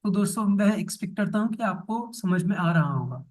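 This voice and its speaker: A man teaching Japanese restaurant phrases in Hindi, saying each example sentence slowly and repeating it. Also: high-pitched, lively intonation, a little mellow, far from the mic, low-quality recording. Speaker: language teacher.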